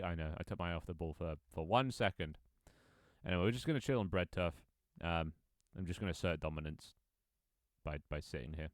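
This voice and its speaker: A deep-voiced man in his twenties streams a game of his own, rambling casually to his audience with frequent ums, restarts, and chat read aloud. The recording is studio quality with no room sound.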